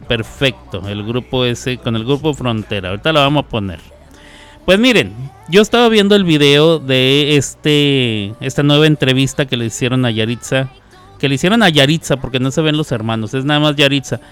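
A man's voice: mid-range voice, a bit bright, clean tone. A man from Mexico, hosting a casual radio show, reading listener messages aloud and joking as he talks. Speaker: radio host.

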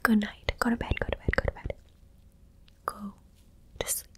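A woman's voice: moderate pace, a bit bright. A woman's teasing, bossy ASMR whisper. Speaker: ASMR creator. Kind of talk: ASMR roleplay.

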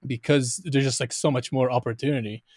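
A man from Israel hosts a casual interview with friendly enthusiasm, laughing along with his guest. His voice sits at a middle pitch. The recording is dry and close, with no room sound. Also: steady tone, brisk, darkish tone, no room sound. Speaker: interviewer host.

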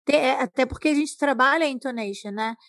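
Woman with a high voice on a podcast, stumbles and repeats words, dry sound. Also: brisk, a bit bright, no room sound. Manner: hesitant, repeats words while thinking. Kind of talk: casual discussion.

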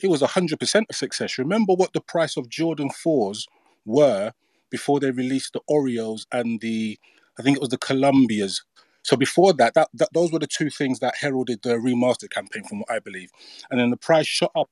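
A man in a casual panel discussion, blunt and animated, a bit out of breath. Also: medium pitch, moderate pace, dry recording. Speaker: podcast co-host.

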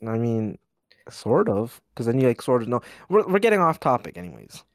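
A young man hosts a laid-back podcast, talking in loose, rambling sentences full of "like" and freely dropped swear words. His voice sits in an ordinary middle pitch. The sound is close and dry, with no room around it. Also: sing-song, fairly quick, no echo. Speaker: podcast host. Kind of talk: casual podcast chat.

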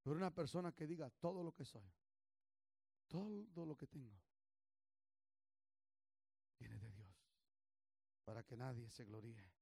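A male pastor preaching a fervent sermon, swinging from low murmurs to shouts, leading call-and-response and slipping into English phrases. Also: a little slow, creaky, long pauses, slightly rough, no room sound, clean studio sound. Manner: call-and-response, urging the congregation to repeat. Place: church service.

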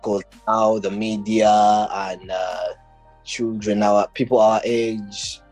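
A man's voice: fairly low pitch, level tone, takes it slowly, darkish tone, faint music behind. A young man from Uganda, a podcast guest who speaks casually and hesitantly. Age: young adult. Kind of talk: casual interview.

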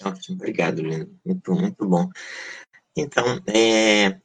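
A middle-aged Brazilian man, a pastor and social scientist born in Maranhão and raised in Goiás, answers interview questions earnestly and passionately, using emphatic lists and restarting often. His deep voice is fairly bright and husky at a normal speed. The audio is poor.

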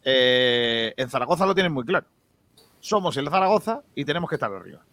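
A man hosting a lively football debate, insistent and quick to argue back. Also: medium pitch. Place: studio in Málaga.

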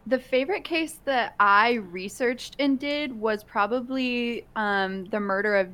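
A woman's voice: fairly high pitch, a little slow, fairly bright tone, smooth. A young woman guest from a true crime podcast, chatting casually and emphatically. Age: young adult. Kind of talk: casual chat.

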